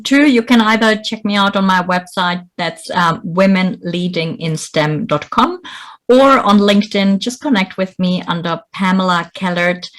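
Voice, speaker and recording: A woman's voice: on the low side, fairly bright tone. A middle-aged woman from Bolivia, an executive coach giving earnest, encouraging interview answers.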